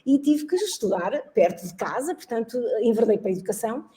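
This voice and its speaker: A middle-aged woman from Angola talks in an interview with a warm, mellow voice set a little high. She speaks earnestly and reflectively and laughs often as she explains her views. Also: very animated, a little fast. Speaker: guest, social entrepreneur and teacher. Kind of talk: interview conversation.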